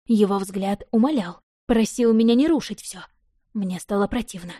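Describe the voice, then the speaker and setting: Mellow-voiced woman narrating an audiobook. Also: medium pitch, moderate pace, no echo, clean studio sound. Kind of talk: first-person audiobook narration.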